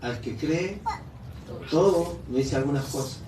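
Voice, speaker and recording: A man's voice: a little high, expressive, a little slow. Man preaching in an echoey, noisy room. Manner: conversational, checks in with the audience. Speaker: pastor. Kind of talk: sermon. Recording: echoey room from a distance with background noise.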